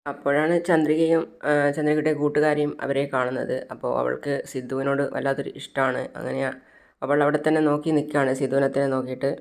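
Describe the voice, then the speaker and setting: Woman storyteller, deep, monotone narration of a serial. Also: vocal fry. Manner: low, even, unhurried storytelling. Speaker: storyteller vlogger.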